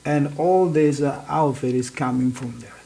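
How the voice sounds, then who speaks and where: A man's voice: medium pitch, normal speed, creaky, mellow, rough recording. A man from northern Peru, a guest who speaks hesitantly and repeats words. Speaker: interview guest, cast member.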